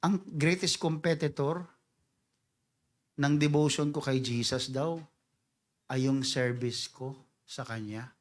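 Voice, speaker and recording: A man pastor preaching a sermon, mixing Tagalog and English, swinging from quiet scripture reading to loud emphatic calls and mimicking people's prayers. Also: fairly high pitch.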